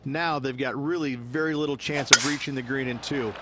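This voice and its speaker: A man's voice: medium pitch, fairly even intonation, brisk, heavy background noise. A man giving golf commentary as an analyst, explaining and advising on how to play.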